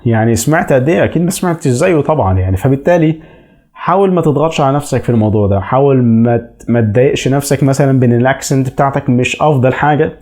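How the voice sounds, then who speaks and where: A man's voice: mid-range voice, racing, darkish tone. A man with an Egyptian Arabic accent giving chatty, reassuring advice as an English teacher in a casual explainer video.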